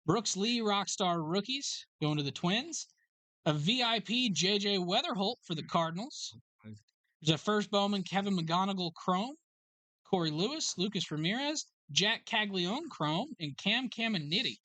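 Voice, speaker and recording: A host runs a live card break in a sports card shop and reads out each pull in a steady, matter-of-fact roll call. The voice is bright and forward. The sound is dry and close, with little room around it. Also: mid-range voice, no room sound. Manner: brisk roll call of card names and numbers.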